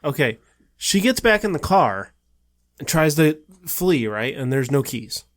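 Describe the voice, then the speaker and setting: A man's voice: a little high, sing-song, measured pace. A man co-hosting a podcast, chatting casually and chuckling as he retells scenes. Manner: amused, laughing through his retellings. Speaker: podcast co-host. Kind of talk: casual chat.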